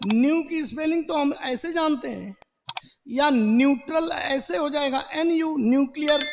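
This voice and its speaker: An Indian man teaching an online exam-prep lesson, breaking words into slow drawn-out syllables and repeating them. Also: extremely high pitch, big-room sound. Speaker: English teacher.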